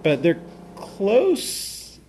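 A podcast host who opens the show and leads a casual chat, easygoing and quick to laugh. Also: mid-range voice, wildly swooping pitch, darkish tone, slight background noise. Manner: loose, laughing banter.

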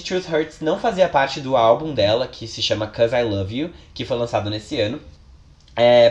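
A man, co-hosting a casual music podcast and running through new releases with jokey asides. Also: mid-range voice. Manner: chatty, reads news with jokey asides. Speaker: podcast co-host.

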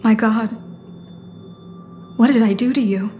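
A woman's voice: fairly high pitch, a little slow, dark tone, a little hiss or hum, natural voice. Woman playing a stern, reproachful mother. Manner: grave and reproachful. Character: stern mother, founder of a secret poison trade. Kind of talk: audio drama acting.

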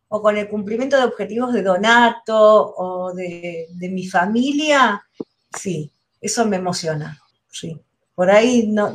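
A middle-aged woman with a Rioplatense Spanish accent, speaking as a mother and guest on a video call, candid and halting, often restarting her sentences. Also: medium pitch. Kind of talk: casual interview chat.

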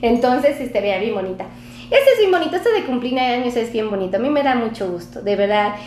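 A woman's voice: a little high, animated, quick pace, darkish tone, roomy sound, a little hiss or hum. A Mexican woman doctor chatting casually on a live stream with a Mexican accent, effusive and chatty as she reads out viewer comments. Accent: Mexican Spanish.

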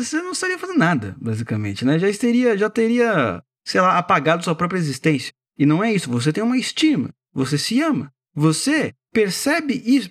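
Lively high-voiced Brazilian man musing. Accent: Brazilian Portuguese. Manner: conversational, keeps asking the listener rhetorical questions. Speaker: podcast host.

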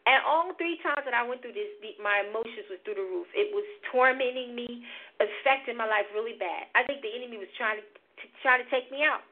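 A woman's voice: fairly high pitch, brisk. A middle-aged woman giving an emotional personal faith testimony to her viewers, fervent and emphatic. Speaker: vlogger sharing a faith testimony. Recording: tinny phone-like sound.

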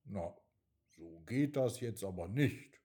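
A man voicing a kind, worried star-keeper in a bedtime story, speaking gently and murmuring. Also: lowish voice, expressive, slow. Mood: gentle. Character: kindly, worried old male star-keeper.

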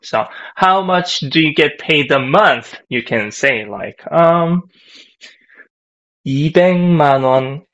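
A man teaching a casual language lesson, relaxed and halting, with many fillers and restarts. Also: fairly high pitch. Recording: dull lo-fi audio.

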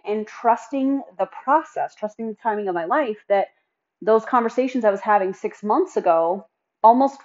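Young woman, solo podcast host, chatty and upbeat, direct address, mid pitch, mildly muffled recording. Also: a little mellow. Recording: slightly dull lo-fi sound.

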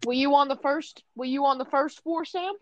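Brief: higher-pitched friend on a call, defensive and mumbly, very dry sound. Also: normal speed, no room sound, rough recording. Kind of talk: casual chat among friends.

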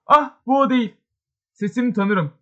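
Bir adam, rakun kürklü, kıskanç ve huzursuz bir beyefendiyi seslendiriyor. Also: male voice, extremely high pitch, normal speed, bright, forceful tone, pitched above the performer's own voice. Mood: agitated. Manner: agitated, exclaiming. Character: jealous anxious gentleman in raccoon fur.

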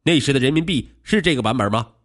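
Brief: man playing a cold, pointed interrogating cop in a spoken crime story, lively pitch swings. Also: fast talker. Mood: scornful. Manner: sharp, sarcastic questioning. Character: stern male police officer, coldly questioning.

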